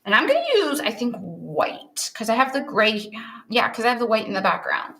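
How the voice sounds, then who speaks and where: A woman's voice: fairly high pitch, very animated, normal speed, creaky, a bit bright. A woman demonstrating stenciling on a craft livestream, chatty and playfully teasing her co-host.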